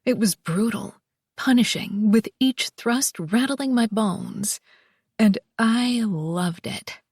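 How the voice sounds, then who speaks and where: Woman reading a steamy romance book, soft n breathy, drops to whispers, dry close sound. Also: fairly high pitch, no room sound. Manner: soft, slow, breathy delivery with whispered passages. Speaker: audiobook narrator. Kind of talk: first-person romance audiobook narration.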